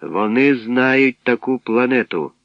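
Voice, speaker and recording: A man voicing a calm male ship's robot that speaks slowly and evenly, on a dull, dry recording. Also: mid-range voice, no echo.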